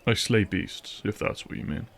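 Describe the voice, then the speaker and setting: In a fantasy audio roleplay, a man voices a wry, guarded vampire hunter who is a gruff, protective ally, delivering terse, dry lines. His voice is a bit bright, at a moderate pace.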